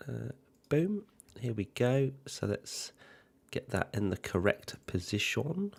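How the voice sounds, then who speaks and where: A man's voice: medium pitch, very animated, slow, gravelly, slightly rough. A man hosting a motorsport livestream, giving casual commentary and informally talking himself through tasks with dry teasing. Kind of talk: casual live commentary and chat.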